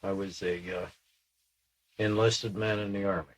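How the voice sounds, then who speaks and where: A man's voice: sits low, level tone, unhurried. A man in his sixties, a sitter in a channeling session, self-deprecating and stammering, often chuckling. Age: 60s. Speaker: sitter asking questions. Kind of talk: channeling session, casual chat.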